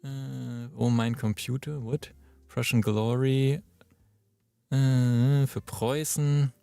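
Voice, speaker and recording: A male voice actor, chatting and thinking out loud during a live-streamed recording session in his booth. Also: mid-range voice, flat delivery, slow pace, gravelly, clear, resonant tone, no echo, faint music behind. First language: German. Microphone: booth microphone.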